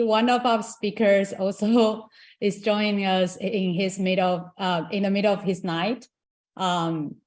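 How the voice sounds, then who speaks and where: A woman's voice: medium pitch, a little mellow. Upbeat young woman moderating an online forum. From Taiwan. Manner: upbeat, chatty, with fillers. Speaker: event moderator. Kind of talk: casual online event hosting.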